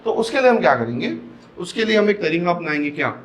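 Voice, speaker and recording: Physics teacher guy, hyderabadi hindi accent, pitched high, keeps asking the class stuff. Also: sing-song, fast, slight background noise. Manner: explains step by step, keeps asking the class questions; mixes Hindi with English terms. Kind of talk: classroom lecture.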